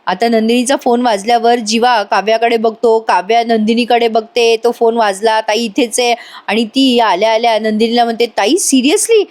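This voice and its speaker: A woman gives a chatty voice-over recap of a TV serial episode and speaks straight to her viewers. She exclaims often. Her voice sits fairly high. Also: flat delivery, normal speed, few pauses. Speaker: TV serial reviewer.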